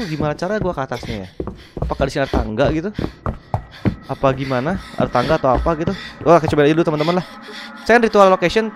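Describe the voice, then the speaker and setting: A young man giving excitable, slangy let's-play commentary as a gaming YouTuber, reading game text aloud. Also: a little high, a little hiss or hum. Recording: music playing behind.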